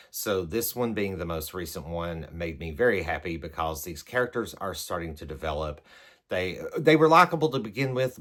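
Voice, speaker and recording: Working through numbered prompts, a male book-review vlogger chats to the camera in a rambling, hesitant manner. His voice is low-pitched with a fairly bright tone.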